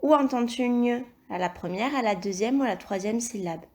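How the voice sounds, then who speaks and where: A woman teaching a recorded phonics lesson to young children, speaking slowly and carefully, repeating each word and praising the answers. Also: a little high, darkish tone. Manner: slow, careful, encouraging, spells out sounds and syllables. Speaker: primary school teacher.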